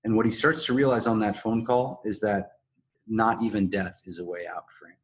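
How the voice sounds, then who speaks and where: A man co-hosting a podcast, explaining and analysing in a measured, casual conversational way. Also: fairly low pitch, steady tone. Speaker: podcast co-host. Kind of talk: casual analytical discussion of a TV drama.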